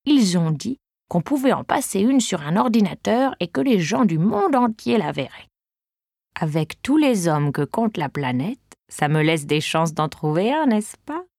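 Woman narrator voicing an old lady, 80s, chatty, naive, gentle, audiobook, dry close mic. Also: fairly low pitch, very animated, unhurried, vocal fry, no room sound, exaggerated voice. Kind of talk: audiobook reading.

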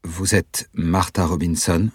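Un jeune homme inquiet et sincère, qui hésite et plaide, porté par un lecteur à la voix très grave et voilée. Le son est sec et tout proche, comme dans un livre audio de studio. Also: male voice, sits low, fairly even intonation, slow pace, husky, dry recording, heavily acted. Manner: hesitant, pleading. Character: young Dutch man, anxious and earnest. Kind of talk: audiobook reading.

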